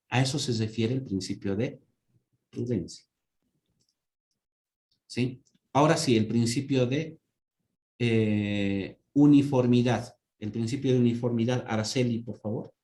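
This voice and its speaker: A man's voice: medium pitch, slow pace, long pauses, warm tone, reverberant. A man teaching an accounting class, explaining with everyday examples and often checking in with his students. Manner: asks students for confirmation with repeated "¿sí?". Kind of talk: online class lecture.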